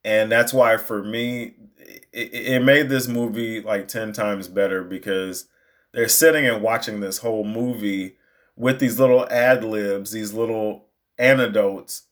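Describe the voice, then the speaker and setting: A young adult man telling a personal story in a casual, animated way, rambling and restarting his sentences as he goes. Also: lowish voice, a little slow. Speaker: storyteller recounting a movie outing.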